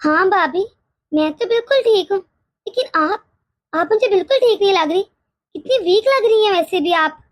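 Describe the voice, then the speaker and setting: A woman voicing a cheerful, caring young married daughter in an animated story, chatty and eager. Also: very high voice, normal speed, dry recording.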